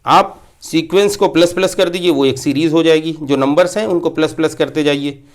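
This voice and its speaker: Man teaching maths, slightly high voice. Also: fairly quick. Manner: explains patiently, repeats key points, mixes English terms. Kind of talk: classroom lecture.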